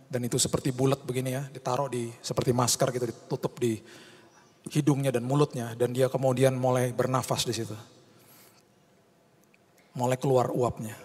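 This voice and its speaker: A man's voice: mid-range voice, darkish tone, husky. A male pastor preaching an impassioned sermon, slipping English phrases into his talk and rising to fervent cries. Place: church hall. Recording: long reverb of a large hall.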